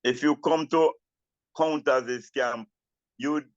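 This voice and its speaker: Older jamaican rasta elder guy, rasta speech, talks real slow n deliberate, kinda dull lo-fi audio. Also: a little high, steady tone, no room sound. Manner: Rastafari speech with patois turns of phrase; deliberate, repeats words and phrases. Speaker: interviewee, Rastafari elder and drummer. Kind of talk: reflective interview talk.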